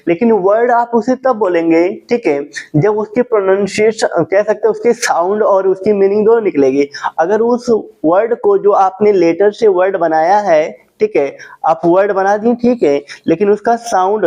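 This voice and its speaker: A man teaching an English grammar lesson, asking questions and answering them himself, and slowly dictating English definitions. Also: sits high, warm tone, muffled recording.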